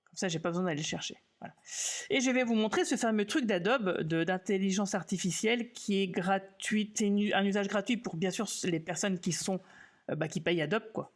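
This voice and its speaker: A man teaching software in a casual live stream, relaxed and self-mocking, thinking aloud with many fillers and restarts. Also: high-pitched, a little fast.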